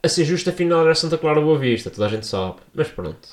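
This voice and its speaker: A young man with a European Portuguese accent telling a story in a casual, slangy vlog, full of asides and fillers. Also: fast talker. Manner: animated, slangy, jumps into high-pitched voices for quoted people. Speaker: vlogger. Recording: echoey room.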